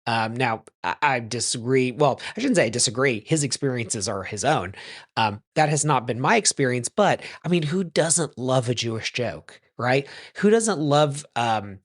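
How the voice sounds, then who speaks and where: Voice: mid-range voice, expressive, normal speed. A rabbi teaching in a loose, chatty way, full of ums and self-corrections, who tells a joke and then explains it. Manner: tells jokes and explains them. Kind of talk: casual teaching talk.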